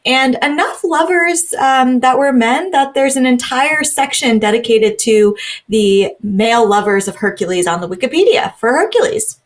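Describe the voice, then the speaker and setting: A woman's voice: on the high side, lively intonation, moderate pace. A young adult woman co-hosting a podcast in casual chat, chatty, often laughing, with plenty of ums and likes. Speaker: podcast co-host.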